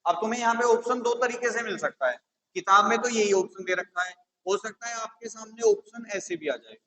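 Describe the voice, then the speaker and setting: High-voiced maths tutor explaining patiently. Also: male voice, fairly quick, fairly bright tone, rough recording. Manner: patient, step-by-step, checks with "theek hai". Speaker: maths tutor for exam coaching. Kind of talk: whiteboard maths lesson.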